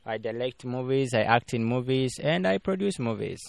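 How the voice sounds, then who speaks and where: A young Ugandan filmmaker, appearing as an interview guest, chats casually and rambles, with frequent fillers and restarts. His mid-range voice is expressive and gravelly at normal speed, recorded with no room sound.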